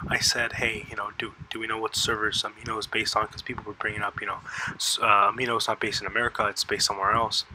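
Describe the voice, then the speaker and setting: A man's voice: lowish voice, bright, forceful tone, low-quality recording. Guy rambling into a desk mic, lots of ums and restarts, faint hiss behind. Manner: halting, many fillers and restarts. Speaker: YouTuber. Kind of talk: casual rambling commentary. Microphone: close desk mic.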